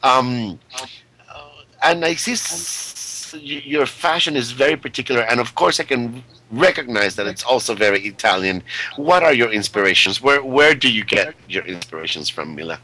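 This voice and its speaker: A man hosting a talk show interview, animated and theatrical, gushing over his guest and telling chatty anecdotes. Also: mid-range voice, normal speed, rough recording.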